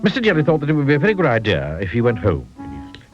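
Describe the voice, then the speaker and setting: A man reading a children's storybook aloud in an expressive, playful way. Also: medium pitch, rapid-fire, over music. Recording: dull lo-fi audio.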